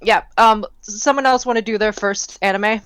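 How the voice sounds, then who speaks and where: Young woman, podcast co-host, rambling and excited, dry sound. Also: medium pitch, moderate pace, smooth, no echo. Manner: rambling, enthusiastic, many fillers. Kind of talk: casual chat.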